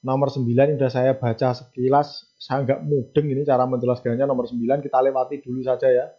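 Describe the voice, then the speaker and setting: A man, casually explaining test questions as a language teacher in a relaxed, chatty way. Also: mid-range voice, fast talker, dull audio. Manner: relaxed, chatty, mixes in Javanese phrases.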